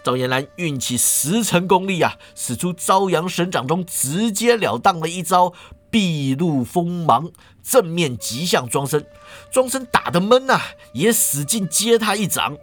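A man reading a martial-arts novel aloud in an animated storytelling style, stretching phrase endings. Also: a little high.

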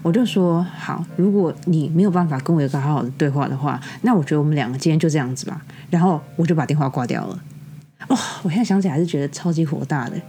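A young woman with a Taiwanese Mandarin accent, hosting a podcast and telling a story in an exasperated, lively way. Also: deep voice, fast talker, a little hiss or hum. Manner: exasperated, animated retelling with quoted dialogue. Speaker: podcast host. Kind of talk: casual storytelling monologue. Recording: soft music bed behind. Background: faint background music.

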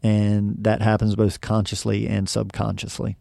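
On a podcast, a guest teacher reflects on ideas with frequent fillers, acting out conversations he remembers. His voice sits on the low side, creaky and mellow, delivered completely flat at a normal speed. The studio recording is clean with no echo.

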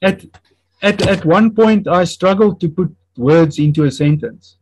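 An interview guest in his fifties, an Afrikaans native speaker with a matching accent, earnestly and reflectively shares a personal testimony. He speaks haltingly, often searching for words and starting over, in a high, slightly rough voice. The recording is low quality, with no echo.

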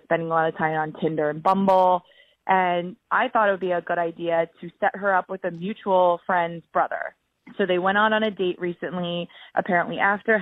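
A woman's voice: fairly low pitch, no room sound. A woman from Illinois leaving a casual, chatty voicemail for a radio show, full of fillers. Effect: voicemail played on air. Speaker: caller. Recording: tinny phone-line voicemail.

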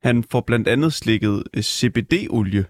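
A man's voice: fairly low pitch, dry recording, clean studio sound. A male radio host chatting casually with a guest, with many hesitations.

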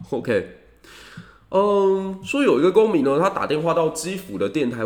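A man, a professor hosting his own channel, talking casually and retelling jokes with voiced quotes. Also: medium pitch. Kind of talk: casual commentary and joke-telling.

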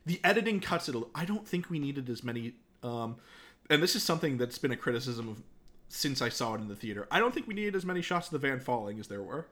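A man's voice: medium pitch, fast talker. A man co-hosting a casual film podcast, enthusiastic and opinionated about the movies he discusses. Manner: enthusiastic, opinionated, lively, fond of film trivia.

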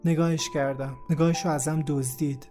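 A man narrating a first-person memoir in a steady, reflective way. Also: a little high. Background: faint background music.

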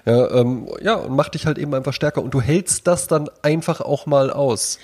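A man's voice: fairly high pitch, normal speed, darkish tone. A man co-hosting a casual podcast, musing reflectively and often adding tag questions. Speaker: podcast co-host. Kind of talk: casual chat.

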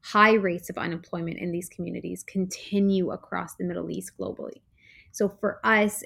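A woman's voice: lowish voice, vocal fry. A woman who grew up in Canada, a social enterprise co-founder, giving earnest, reflective interview answers and searching for her words.

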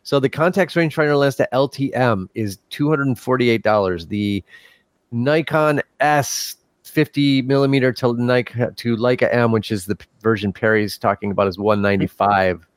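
A man's voice: mid-range voice, moderate pace, no echo. A man hosting a podcast in casual chat, telling stories with frequent laughs and fillers. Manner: chatty storyteller, laughs often, many fillers. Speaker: podcast host.

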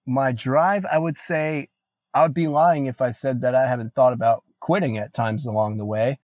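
A man's voice: mid-range voice, steady tone, moderate pace, darkish tone, no room sound. Earnest man in his late twenties. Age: late 20s. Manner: earnest, reflective, frequent "you know" fillers. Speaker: guest musician. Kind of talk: casual interview.

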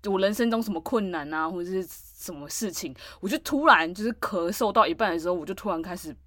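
A woman's voice: on the low side, expressive, quick pace, fairly bright tone, dry recording, studio quality. A woman, co-hosting a podcast and telling a long, rambling story full of fillers. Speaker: podcast co-host. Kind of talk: casual chat.

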